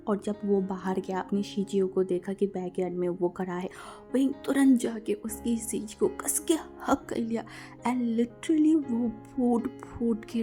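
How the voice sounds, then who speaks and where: A woman's voice: mid-range voice, warm tone. A woman narrating a fan-fiction story in an emotional, dramatic way, often stammering and repeating words as she mixes in English.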